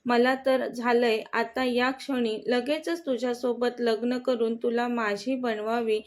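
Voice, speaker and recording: A woman's voice: a little high, fairly even intonation, unhurried, natural voice. A woman reading as a tender young lover. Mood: tender, reassuring. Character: young man in love, tender and reassuring. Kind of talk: storybook dialogue reading.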